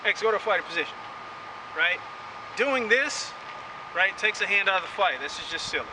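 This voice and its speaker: A high-voiced, expressive karate instructor talks briskly through an outdoor lesson in his native English, repeatedly checking in with "right?". The recording is distant and windy, with traffic going by.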